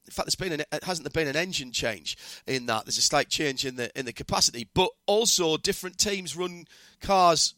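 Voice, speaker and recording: A man's voice: on the high side, pushed and bright, no room sound, studio quality. A man hosting a motorsport interview, chatty and asking long, rambling questions. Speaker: podcast host, interviewer. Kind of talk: conversational interview.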